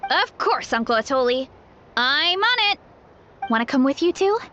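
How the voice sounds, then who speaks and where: High, lively, cheerful young woman. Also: moderate pace, lo-fi sound, a little hiss or hum, heavily acted. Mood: upbeat, reassuring. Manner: upbeat, friendly, casual. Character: cheerful, easygoing young woman who works an orchard. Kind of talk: English video game voice acting.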